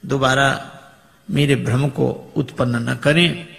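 Man, preacher, lively storytelling sermon, gravelly higher voice, long hall reverb. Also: slow pace. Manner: animated, acting out characters' voices with humour.

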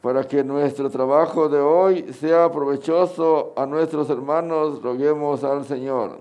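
Higher-voiced middle-aged Mexican priest. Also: male voice, steady tone, unhurried, darkish tone. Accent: Mexican Spanish. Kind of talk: sermon and prayers at Mass. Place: outdoors under a canopy at an altar.

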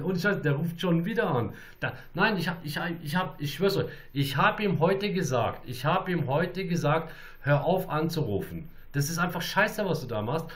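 A man livestreaming to his viewers, talking in a rambling, repetitive and excitable way. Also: a little high. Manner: repetitive, restarts and repeats phrases, excitable. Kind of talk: rambling live-stream monologue to viewers.

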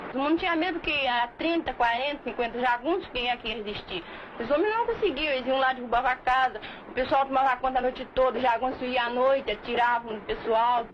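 A woman's voice: sits high, fast. A woman, an evicted resident giving plain-spoken interview testimony. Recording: muffled old film audio with clear hiss.

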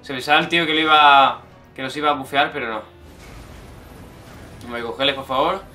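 A young man with a Spanish accent from Spain, commenting on his gameplay, excitable, shouting and swearing at the game. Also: medium pitch, brisk, faint music behind. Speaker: gameplay streamer.

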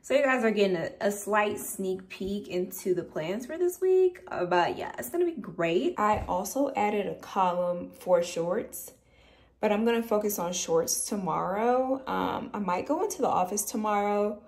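A chatty woman in her late twenties talks straight to camera in a relaxed vlog. Her speech is loose and full of fillers. She sits in the middle of the range in pitch. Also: normal speed. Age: late 20s. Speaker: vlogger. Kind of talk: casual vlog chat to camera. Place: at home.

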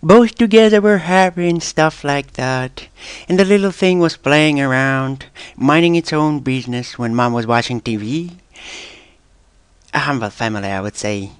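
A man's voice: on the high side, moderate pace, smooth, no echo. A man giving a casual, playful, comedic retelling of a game intro. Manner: casual, playful, mock-storytelling. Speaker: game commentator.

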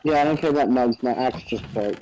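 A man's voice: mid-range voice, quick pace, dark tone, rough recording. A man in casual game chat with a friend group, giving blunt, short replies.

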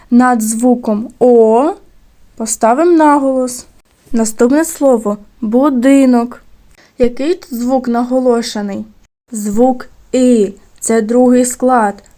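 A woman teaching a recorded lesson to second graders, with slow, clear diction and words drawn out syllable by syllable. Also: a little high, fairly even intonation, mellow. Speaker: primary school teacher.

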